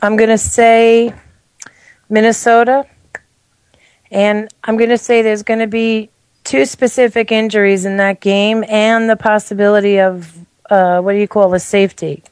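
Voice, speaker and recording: A woman's voice: medium pitch, little pitch movement, a little slow, darkish tone, clear, resonant tone, dry recording. A middle-aged woman chatting casually as a guest, hesitant and self-deprecating, often trailing off mid-thought. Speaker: guest making football picks. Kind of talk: casual chat.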